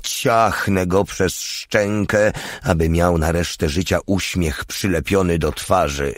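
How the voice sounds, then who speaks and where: A coarse, hot-headed soldier who swears and taunts his comrades in the dark of a freight wagon, as a male reader voices him. His deep voice is steady and unhurried, and the recording is dry and close. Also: dry recording. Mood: mocking, angry. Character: tough crude male soldier, short-tempered.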